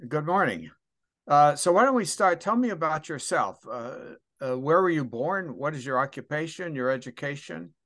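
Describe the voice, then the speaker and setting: A man's voice: on the high side, lively intonation, normal speed, a bit bright. A man conducting an oral history interview, asking questions in a friendly, casual way.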